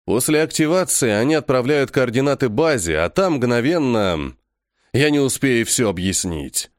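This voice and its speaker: A cold alien official snaps out curt explanations and hurries everyone along, as a man reading the audiobook puts him on. His voice sits lower than the narration and sounds dry and close. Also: very animated, normal speed, no echo, close to an everyday voice. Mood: impatient. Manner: curt, impatient, lecturing.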